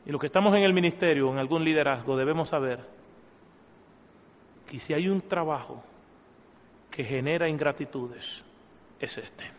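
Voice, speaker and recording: A man preaching a sermon, impassioned, swelling loud and dropping low. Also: moderate pace, pauses often. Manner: impassioned, swells and drops in volume. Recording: long church hall reverb.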